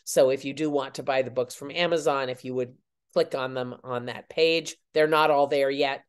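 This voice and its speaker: An older woman, owner of the site, walking viewers through its menus in an unhurried, explanatory way, her phrases trailing off at the ends. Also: extremely low pitch, fairly even intonation, smooth. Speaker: site owner giving a tour. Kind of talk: screen-recorded website walkthrough.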